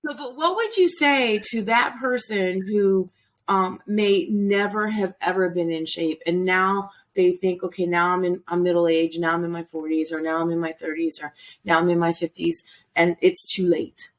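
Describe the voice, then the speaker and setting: A woman's voice: lowish voice, fairly even intonation, normal speed. A middle-aged woman hosting a casual interview, chatty, repeating phrases and laughing easily. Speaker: host.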